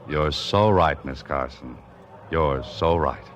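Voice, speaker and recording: A wry wisecracking writer, super deep voice, old radio show sound, dull lo-fi with faint music. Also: male voice, a little hiss or hum. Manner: quick wisecracking delivery, stammers when pressed. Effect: old radio show broadcast sound. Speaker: lead and narrator of a radio drama. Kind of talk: 1940s radio drama acting.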